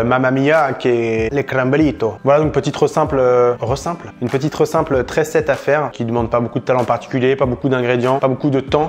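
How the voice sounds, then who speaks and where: A man's voice: mid-range voice, darkish tone. Playful man, chatty cooking vlogger. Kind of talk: casual cooking tutorial.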